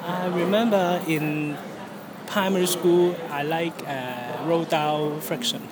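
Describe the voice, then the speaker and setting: A young adult with a Hong Kong accent answering interview questions in halting English, searching for words. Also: medium pitch. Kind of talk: interview answers about personal experience. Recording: loud air-conditioning or traffic-like background noise.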